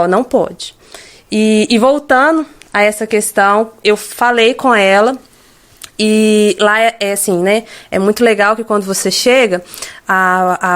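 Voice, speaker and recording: A Brazilian woman in her thirties giving an earnest personal testimony as a podcast guest, hesitant, with frequent restarts. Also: mid-range voice. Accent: Brazilian Portuguese.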